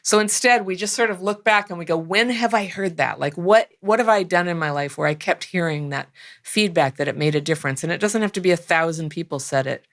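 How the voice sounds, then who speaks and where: A woman in her fifties with a low voice speaks as an interview guest. She talks in a casual, animated way, acts out what she once thought and laughs often. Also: fairly quick. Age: 50s.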